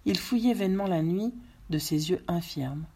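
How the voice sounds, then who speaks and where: A woman narrating a novel aloud in measured storytelling. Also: lowish voice, warm tone, breathy edge.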